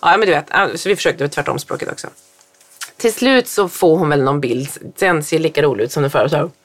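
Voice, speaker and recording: A woman and parent from Sweden telling a story in casual chat, acting out what people said. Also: deep voice. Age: adult parent. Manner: animated storytelling, acts out quotes in raised voice.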